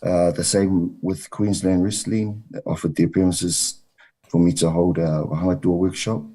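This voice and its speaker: A man from New Zealand, a wrestling coach, answering interview questions in a measured way with frequent ums and uhs. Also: low-pitched, level tone, warm tone.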